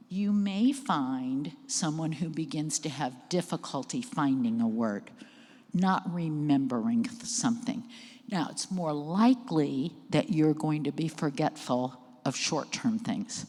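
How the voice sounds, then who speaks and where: A woman's voice: low voice, lively intonation, measured pace, darkish tone. A middle-aged woman giving an educational presentation on caregiving, speaking conversationally to a live audience in a church hall. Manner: conversational, checks in with the audience and cues slides. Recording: long hall reverb.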